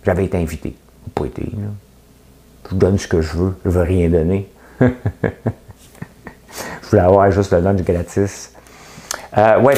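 A middle-aged man, host of a daily commentary show, speaks in a low, warm voice with a Québécois French accent. Casual and opinionated, his monologue leans sarcastic, pokes fun at himself, and keeps circling back to "tu sais."

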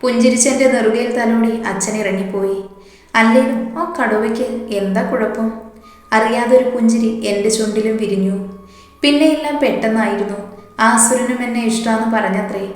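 A woman's voice: fairly high pitch, normal speed. A woman reading a romantic story aloud as the narrator, giving the characters' lines in her own voice. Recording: very echoey room.

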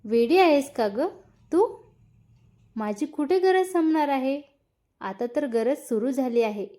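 A woman's voice: high-pitched, animated, slow pace, dark tone. A woman voicing a teasing, eager young husband, playful and insistent, in a read-aloud story.

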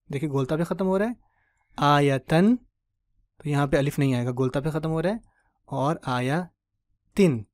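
A man's voice: on the high side, darkish tone, no room sound, studio quality. Patient man teaching a grammar lecture. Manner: patient, explanatory, checks in with the listener often; spells out word endings slowly.

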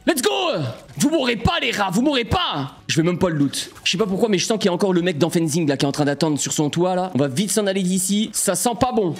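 A young man giving excitable gameplay commentary to his viewers, breaking into sudden frustrated outbursts. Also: sits high, fast talker, few pauses, slight background noise. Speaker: gaming streamer.

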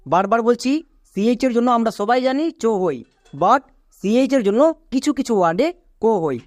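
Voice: medium pitch, expressive, normal speed, a little mellow, dry recording, clean studio sound. A teacher explaining English spelling rules step by step, drilling each point by repeating it and spelling words out letter by letter.

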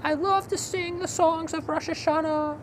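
A man voicing a silly, excitable young friend who keeps mixing up the holidays, in a giddy, high-spirited way. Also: normal speed, slight background noise.

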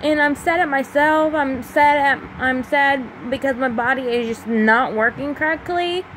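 A young woman with a high, slightly bright voice records a confessional vlog on a phone held close to her face, in a small room at home at night with a fan running. She speaks slowly and emotionally, halting often with many pauses and fillers. The audio is poor, with a faint fan hum in the background.

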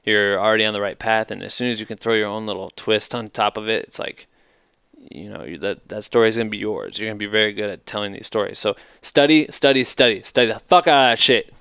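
A man's voice: on the low side, fast, gravelly, bright, forceful tone, clean tone, no room sound, studio quality. Profane, emphatic man in his thirties. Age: 30s. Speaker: podcast host. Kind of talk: casual advice monologue. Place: hotel room at night, indoors. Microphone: headset mic.

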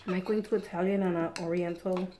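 A woman's voice: lowish voice, fairly even intonation, quick pace, warm tone, a little hiss or hum. A middle-aged woman hosting an eating show, chatting casually while she eats at home. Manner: chatty, eats and talks with mouth full.

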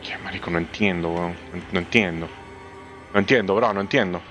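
A young man with a Venezuelan Spanish accent gives excitable let's play commentary on a horror game, swearing often and breaking into squeaky, high exclamations. He speaks fairly quickly, with faint music behind him.

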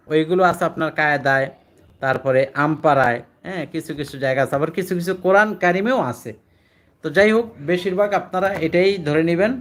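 A man teaching Quran reading step by step, asking questions and answering them himself in a patient, repetitive way. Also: on the high side. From Bangladesh. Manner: patient, repetitive explaining, asks and answers his own questions. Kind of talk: spoken recitation lesson.

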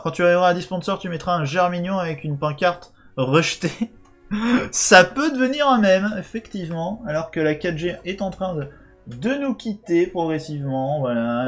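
A young man streaming a live game, chatting casually with crude jokes. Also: fairly high pitch. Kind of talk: live let's play commentary.

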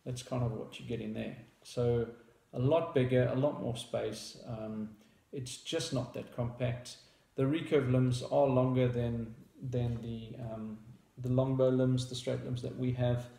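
Seated at a table in a small indoor room, a man in his thirties with a South African accent, a company founder, casually describes a product to camera, hesitating with lots of fillers and restarts. His voice is gravelly and dark in tone, medium in pitch, steady and measured, and the room is echoey.

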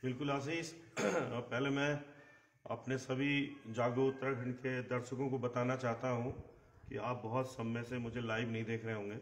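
A middle-aged man with a hoarse voice, giving emphatic live political commentary and clearing his throat. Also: medium pitch, little pitch movement, normal speed, reverberant, a little hiss or hum. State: hoarse, recovering from a bad cough. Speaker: journalist and live show host. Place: outdoor terrace in the hills. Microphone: phone a short distance away.

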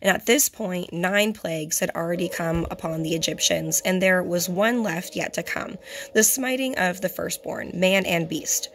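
A young woman hosts a religious teaching in a hoarse voice that sounds partly lost. Her pitch sits on the low side, with plenty of gravelly fry, and she often stops to clear her throat. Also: moderate pace, fairly bright tone, slight background noise. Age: young adult. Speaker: fellowship host and Bible teacher. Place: small indoor room. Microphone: phone at arm's length.

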